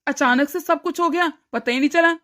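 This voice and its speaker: A woman voicing a caring, agreeable young husband in a cartoon story, speaking in a gentle, reassuring way. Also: sits high, brisk. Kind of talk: cartoon voice acting.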